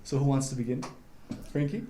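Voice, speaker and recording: A man's voice: mid-range voice, fairly quick, warm tone, a little hiss or hum. A man from Colombia hosting a casual interview chat in a radio studio, upbeat and laughing often as he talks. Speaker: host. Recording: roomy studio sound.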